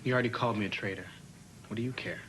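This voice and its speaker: A man's voice: lowish voice, racing, a bit bright, slight background noise, close to an everyday voice, poor audio. An actor playing a wry, joking young man, a loyal best friend, in a 1990s daytime soap opera.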